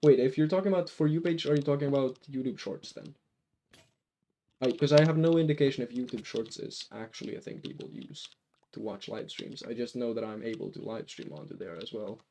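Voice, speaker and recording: A man's voice: medium pitch, steady tone, fairly quick, mellow, slight background noise. A man streaming a game, chatting casually with viewers and often restarting his sentences. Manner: rambling, self-correcting, answers chat. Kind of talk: casual live-stream chat.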